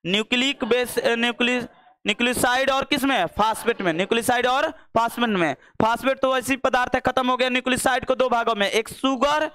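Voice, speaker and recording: A man's voice: extremely high pitch, fairly quick, pushed and bright, clean tone, no echo. A young man teaching a biology lesson, asking questions and repeating the answers again and again. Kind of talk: classroom-style biology lesson.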